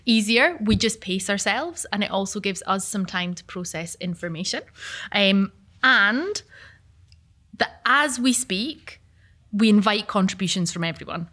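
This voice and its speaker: Female panel chair, mid-pitched voice, inclusive and inviting facilitator delivery. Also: a bit bright.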